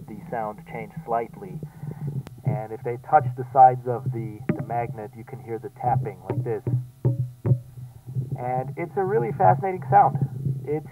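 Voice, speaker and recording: A man casually demonstrating his build while talking into a paper cup wired as a homemade magnet microphone, so his voice comes out tinny and lo-fi. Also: mid-range voice. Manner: relaxed, explains as he tinkers. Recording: tinny phone-like cup mic, distant.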